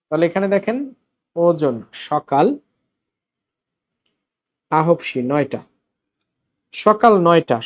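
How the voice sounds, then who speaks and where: A man teaching a Korean lesson in Bengali, explaining step by step, repeating words slowly and asking the class questions. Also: on the high side, a little mellow. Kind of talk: classroom-style language lesson.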